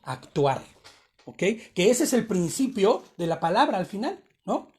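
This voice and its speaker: A man's voice: sits high, big pitch swings, a little slow, a little mellow. A man giving a conversational sermon on a Torah portion to his congregation, often checking in with short tag questions. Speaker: congregation teacher.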